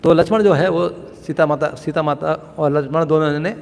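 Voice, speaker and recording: A man giving a devotional scripture class, telling the story in a lively way and chuckling as he goes. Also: on the high side, brisk, creaky, long reverb tail. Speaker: lecturer on scripture.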